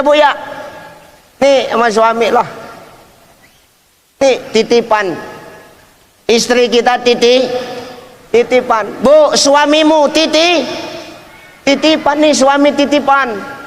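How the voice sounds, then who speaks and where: A man's voice: very high-pitched, long reverb tail. A male preacher giving a comic sermon, chatty and joking, acting out quarrels with his wife.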